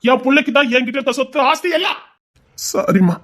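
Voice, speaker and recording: A man's voice: very high voice, lively intonation, quick pace, a bit bright, heavily acted. An actor with a Tirunelveli Tamil accent playing a stern, remorseful older father who scolds and then pleads with his daughter. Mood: pleading.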